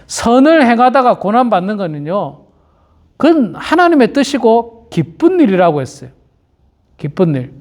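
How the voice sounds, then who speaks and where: A man's voice: high-pitched, a little mellow. A male pastor preaching at an early-morning prayer service, repeating his key phrases and speaking straight to the congregation. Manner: acts out quoted churchgoers in little voices.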